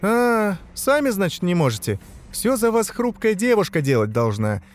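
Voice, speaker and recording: A man voicing a sarcastic young female sorceress, raising his pitch well above his own voice. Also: very animated, normal speed.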